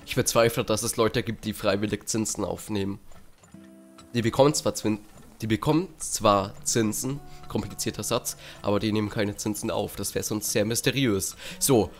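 A man's voice: fairly low pitch, moderate pace, soft background music. A man giving casual let's play commentary with sarcastic, dry asides. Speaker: let's player.

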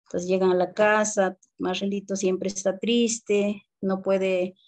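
A Peruvian woman narrates a story for her class over a video call in a relaxed, informal way, full of fillers and asides. Her voice sits at an ordinary middle pitch. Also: takes it slowly. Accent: Peruvian Spanish. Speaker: student. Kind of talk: storytelling role-play presentation.

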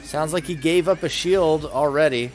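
A man commentating a video game tournament, calling the action play by play with brisk, excited energy. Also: on the high side, slight background noise.

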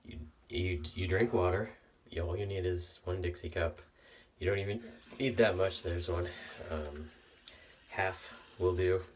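Deep-voiced man with the hiccups. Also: fairly even intonation, far from the mic, a little hiss or hum. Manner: halting, with fillers and restarts. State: has the hiccups. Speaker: vlogger. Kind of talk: casual how-to video.

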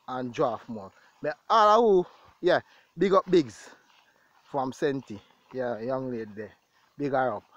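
Out in an open, grassy pasture, a farmer with a Jamaican accent chats casually to viewers for his vlog, saying things more than once to drive them home. The medium-pitched voice comes through a dry recording with the high frequencies cut off.

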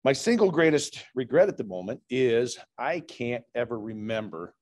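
A man's voice: mid-range voice, big pitch swings, normal speed, a little mellow. A middle-aged man giving a humorous prepared speech, telling dad jokes with setups and punchlines to a speaking club. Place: large indoor meeting room with low ceiling.

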